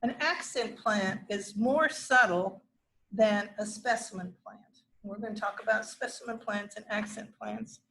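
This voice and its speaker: A woman's voice: medium pitch, unhurried, a bit bright, rough recording. A middle-aged woman teaching a gardening class to a room of learners, chatting freely with asides and restarts. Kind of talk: informal classroom lecture. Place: classroom with a live audience.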